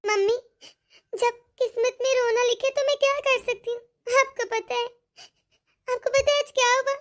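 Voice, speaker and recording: A woman's voice: very high voice, steady tone, normal speed. A woman voicing a self-pitying young married daughter in a cartoon, whining and complaining. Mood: whiny. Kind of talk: cartoon dialogue.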